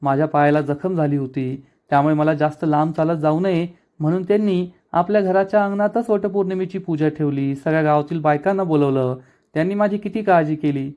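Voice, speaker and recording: A man voicing a calm, persuasive young married woman from a TV serial, speaking earnestly as he retells the scene. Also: fairly high pitch, a little fast, lightly acted. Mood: coaxing.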